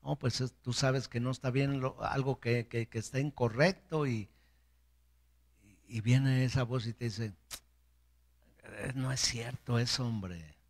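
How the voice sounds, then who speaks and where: A man's voice: mid-range voice, fairly even intonation, measured pace. A man preaching a sermon as pastor, acting out biblical voices and speaking straight to his congregation.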